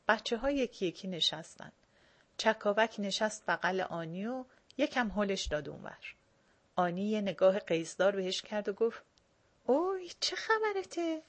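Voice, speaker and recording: A woman reading a first-person short story aloud in a casual spoken manner. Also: medium pitch. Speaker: reader.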